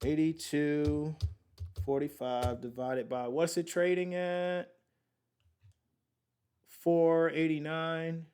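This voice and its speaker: A man's voice: fairly high pitch, little pitch movement, slow pace, long pauses, a little mellow, smooth. A man in his late thirties hosting a casual podcast about investing, talking to his listeners in a chatty, slangy way and working out sums aloud as he goes. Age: late 30s. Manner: slangy, addresses listeners as y'all. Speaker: podcast host.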